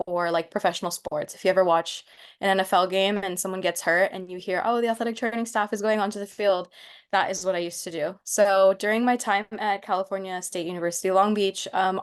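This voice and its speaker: A Mexican-born PA student in her twenties gives an online workshop presentation over a video call, sounding encouraging and casual and using fillers. Her voice is mid-range, clear and resonant.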